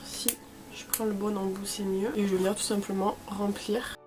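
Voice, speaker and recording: A woman's voice: mid-range voice, little pitch movement, moderate pace, darkish tone, soft background music. A young woman with a cold, chatting casually through a makeup tutorial, full of fillers and self-corrections. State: sniffly from a cold. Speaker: beauty vlogger.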